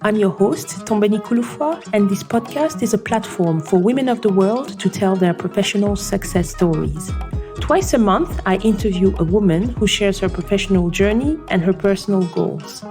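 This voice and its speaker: A woman hosting a podcast, reading a measured scripted intro and asking interview questions in a welcoming way. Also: medium pitch, animated, over music. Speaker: podcast host. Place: London.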